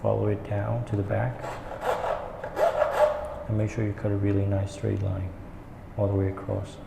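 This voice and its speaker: A man giving a hands-on woodworking tutorial in an echoing stairwell, explaining step by step in a casual, halting way. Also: on the low side, completely flat delivery, gravelly. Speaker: woodworking instructor. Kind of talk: hands-on tutorial, talking while working. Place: indoor staircase with strong echo. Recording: echoey stairwell, long reverb, background noise.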